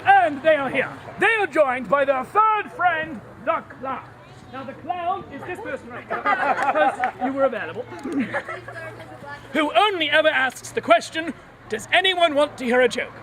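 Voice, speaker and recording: Street performer, high lively voice, playful and giggly, outdoor crowd behind. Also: male voice. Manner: playful, giggly, feeds lines for volunteers to repeat. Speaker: street performer narrating a play. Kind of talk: comic improvised storytelling to a crowd. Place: outdoor fair stage.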